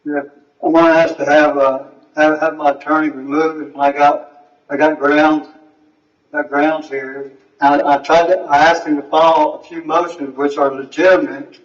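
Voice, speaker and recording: A man's voice: fairly high pitch, little pitch movement, normal speed. An American man as a defendant, arguing off the cuff in an insistent, fumbling, colloquial way and repeating himself. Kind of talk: spontaneous argument in court. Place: courtroom. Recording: echoey, muffled, distant courtroom microphone.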